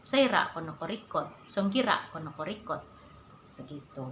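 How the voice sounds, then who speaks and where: A woman teaching a spoken language lesson. She repeats each word slowly and stresses the local terms. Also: low voice, expressive, a bit bright, a little hiss or hum. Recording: echoey room.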